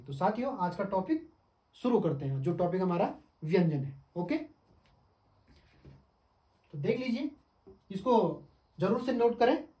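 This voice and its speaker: A male teacher giving an exam-prep lesson, who asks the class questions, answers them himself and sounds out syllables slowly. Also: high voice, darkish tone. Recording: echoey room, mic at a distance.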